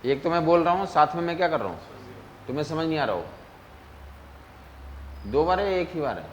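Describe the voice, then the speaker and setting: A man gives a relaxed physics lesson, his voice sitting a little high. He keeps checking that his students are following and slips English technical terms into the talk. A faint noise runs under the recording. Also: a little fast, lo-fi sound. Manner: mixes Hindi with English terms. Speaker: physics teacher. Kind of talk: casual classroom lecture.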